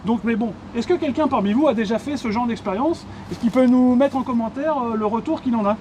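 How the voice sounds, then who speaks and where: A man's voice: very high-pitched, fairly quick, a little mellow, slight background noise. A man, hosting and casually explaining electric cars to a colleague, chatty with many fillers. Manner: chatty, many fillers, asks viewers questions.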